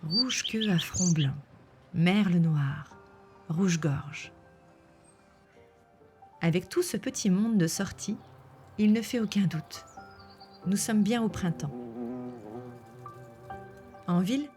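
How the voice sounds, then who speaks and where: A woman reading scripted nature documentary narration in a measured, explanatory way. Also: lowish voice, darkish tone. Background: background music.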